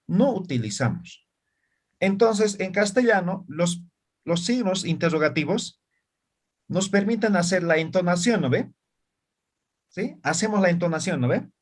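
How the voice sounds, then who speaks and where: A man's voice: sits high, expressive, unhurried, long pauses. A man teaching an online class in Spanish and Aymara, often checking whether his students follow. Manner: asks frequent check questions.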